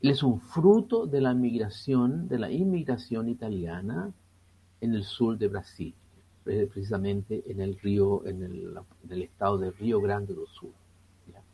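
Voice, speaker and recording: A man's voice: on the low side, creaky, warm tone, slightly rough. A Chilean man in his sixties, a priest speaking as a guest in a radio interview, hesitant and full of fillers. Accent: Chilean Spanish. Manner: slow and hesitant, many fillers.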